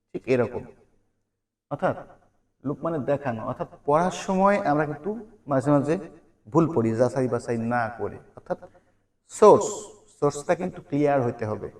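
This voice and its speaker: A man's voice: mid-range voice, a little mellow. A man teaching a vocabulary lesson. He repeats each word and its meaning as a drill, and he asks questions and then answers them. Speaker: English teacher.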